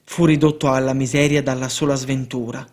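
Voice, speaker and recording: A man reading as a gentle saintly old-time priest. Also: medium pitch, flat delivery, brisk, close to an everyday voice. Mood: tender. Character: kindly saintly male priest, calm and sure.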